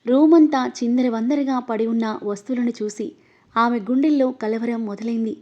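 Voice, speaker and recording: A woman reading an emotional novel aloud as narrator, voicing every character herself and getting louder in the angry lines. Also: a little high, steady tone, normal speed. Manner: reads all the characters, her voice rising louder in angry lines. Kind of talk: scripted story narration. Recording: dull, lo-fi audio.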